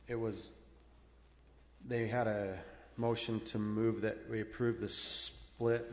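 An American man giving a halting, matter-of-fact report to a public meeting. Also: lowish voice. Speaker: council member giving a board update. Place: large echoey indoor meeting room. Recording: echoey meeting room, background noise.

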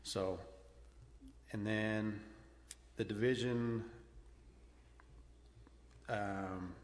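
An American man giving a halting, matter-of-fact report to a public meeting. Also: on the low side, fairly even intonation. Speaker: council member giving a board update. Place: large echoey indoor meeting room. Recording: echoey meeting room, background noise.

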